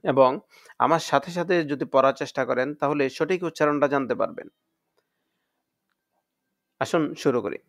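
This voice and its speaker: A man teaching Quran reading in a recorded lesson, with a Bangladeshi Bengali accent. He says each letter slowly three times so listeners can repeat after him. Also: mid-range voice, gravelly, no room sound, studio quality.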